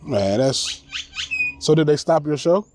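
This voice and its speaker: A man's voice: a little high, lively intonation, measured pace, a little mellow, slight background noise. A man, a stand-up comedian, chatting casually and loosely with slang while fishing outdoors. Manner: loose, slangy, laughs easily. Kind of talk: casual chat.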